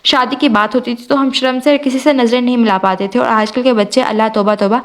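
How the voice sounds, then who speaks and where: An old-fashioned grandmother from an audio novel, lamenting and tutting at today's youth, read by a woman narrator. The voice is somewhat high. It is read close to plain narration. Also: fairly even intonation, natural voice. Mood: scandalized.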